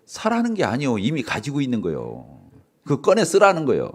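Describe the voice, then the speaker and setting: A middle-aged male pastor giving a sermon in a church, animated, asking the congregation questions and laughing often. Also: mid-range voice, normal speed. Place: church sanctuary.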